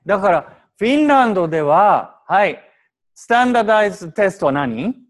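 A man's voice: high-pitched, sing-song, moderate pace. A man teaching an English translation class in Japanese, prodding students with questions and switching into English.

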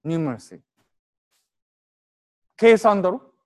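A man's voice: sits high, expressive, unhurried, darkish tone. A man teaching an English translation class in Japanese, prodding students with questions and switching into English.

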